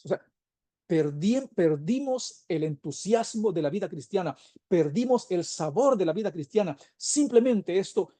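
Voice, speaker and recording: A man preaches a sermon in a church, earnest and emphatic, reading scripture slowly and asking one rhetorical question after another. His voice sits high but sounds deeply mellow and dark. The recording is dry and close, with no room echo. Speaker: pastor.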